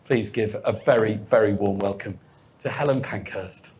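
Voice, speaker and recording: A man's voice: lowish voice, moderate pace, heavy background noise. A man hosting a live on-stage interview before an audience. He gives formal, welcoming introductions and puts questions to his guest. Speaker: host.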